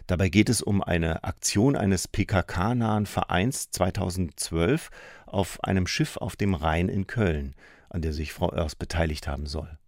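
Very low male interviewer, matter-of-fact, dry booth. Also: a little slow, dry recording. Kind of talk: radio interview questions.

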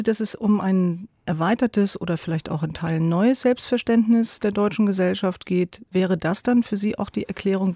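A man's voice: high voice, creaky, mellow, no echo, studio quality. A man moderating a radio discussion, asking polite, probing questions. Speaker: radio host.

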